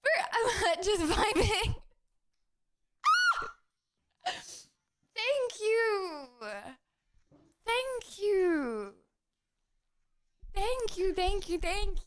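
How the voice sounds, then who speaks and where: Very high-pitched, animated woman livestreamer. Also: very slow, long pauses, background noise. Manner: exclamatory, repeats words and phrases. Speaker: live streamer. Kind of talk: excited livestream chat, thanking donors.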